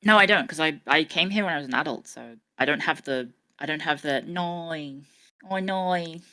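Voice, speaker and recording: A woman's voice: low-pitched, animated, fast, sharp tone. A woman with a mixed, slightly English accent, chatting on a stream in a dry, wry way. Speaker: guest streamer. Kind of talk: casual stream chat.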